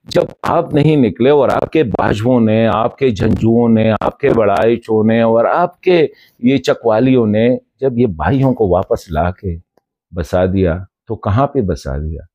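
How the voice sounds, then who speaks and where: A man's voice: on the low side, mellow, no room sound, lo-fi sound. A man from northwest Pakistan giving a commentary, speaking straight to a colleague with rhetorical questions and respectful reproach. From Khyber Pakhtunkhwa, Pakistan. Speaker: journalist and commentator. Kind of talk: direct-address commentary video.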